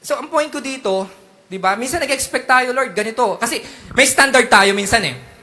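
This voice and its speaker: A man in his thirties preaches with a high, bright voice. He plays out little prayers and replies for comic effect, jumping from quiet asides to loud bursts. The delivery is animated and playful throughout. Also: moderate pace. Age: 30s. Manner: animated, jokey preaching with mock prayers and sudden loud outbursts. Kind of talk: sermon.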